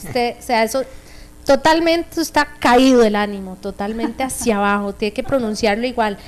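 A woman's voice: fairly high pitch, normal speed, a little hiss or hum. A Costa Rican woman hosting a radio talk show, chatty and playful, acting out sayings with exaggerated tone. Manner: playful, acts out phrases with exaggerated tone. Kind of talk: casual radio chat.

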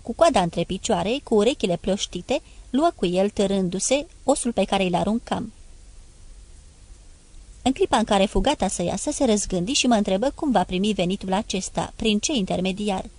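A woman giving a measured, expressive first-person reading as the narrator of a literary audiobook. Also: medium pitch, no room sound.

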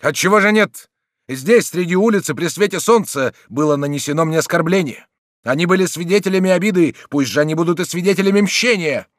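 A man's voice: on the high side, normal speed, fairly bright tone, dry recording, studio quality, voice pushed up, natural voice. Give me a defiant young duelist, raised and heated, as a male narrator plays him. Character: hot-headed proud young nobleman duelist.

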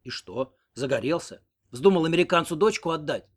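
A man's voice: a little high, expressive, a little fast, pitched above the performer's own voice. Male narrator doing a grumpy old granny, sarcastic, snapping. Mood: scolding. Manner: scolding, sarcastic. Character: sharp-tongued old village woman, grumbling.

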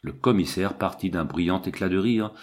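A man's voice: deep voice, normal speed. A man reading a first-person story aloud as an audiobook narrator. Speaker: audiobook reader.

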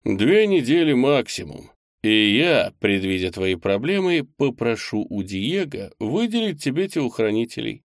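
A man voicing a confident male boss in an audiobook, giving brisk, assured orders. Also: medium pitch, big pitch swings, no echo, studio quality, pitched above the performer's own voice. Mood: commanding. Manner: assured, directive. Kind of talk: audiobook character voice.

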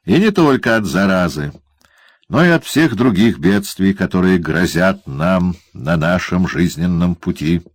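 A man's voice: sits low, expressive, measured pace, dry recording. A man voicing a cruel, gleeful male dwarf in an audiobook, barking orders with a snarl. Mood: gloating. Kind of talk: audiobook character voice.

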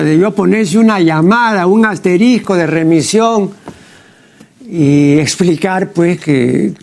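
A man hosting a TV program, talking through errors in a translation in a deliberate, pedantic way, often tagging his sentences with a questioning "no?". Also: high-pitched, creaky, darkish tone. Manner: deliberate and pedantic, with frequent "¿no?" and "pues". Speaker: TV program host. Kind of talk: studio commentary critiquing a translation. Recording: TV program audio.

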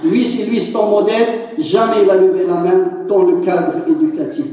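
Moroccan-accented male imam, mellow high voice, earnest sermon, distant mic in a reverberant mosque. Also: moderate pace. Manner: earnest preaching, mixing in chanted Quran verses. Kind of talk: Friday sermon. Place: mosque prayer hall. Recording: echoey hall, voice from a distance.

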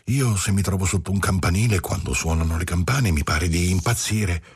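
A man's voice: low voice, expressive, fairly quick, husky, full character voice. A man voicing an anxious, tender-hearted mother who murmurs with pity. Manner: soft, pitying murmur.

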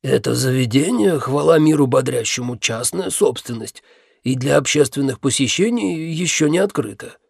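A man voicing an invisible, grumpy man, a hoarse disembodied voice speaking from empty air in an audiobook. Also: mid-range voice, lively intonation, normal speed, dry recording, clean studio sound. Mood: indignant. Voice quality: hoarse, gravelly. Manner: indignant then guarded, mutters. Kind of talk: audiobook character voice.

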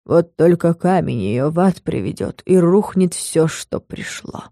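A woman voicing an ancient male forest oracle who speaks slow, ominous prophecies. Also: lowish voice, lively intonation, warm tone, no room sound, studio quality. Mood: grave. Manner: slow, eerie prophetic delivery.

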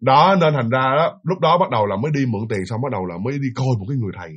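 A man narrates a ghost story at a fast clip. His husky voice swings widely in pitch as he chats straight to his listeners, animated throughout. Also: lo-fi sound. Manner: animated, chatty, addresses listeners directly.

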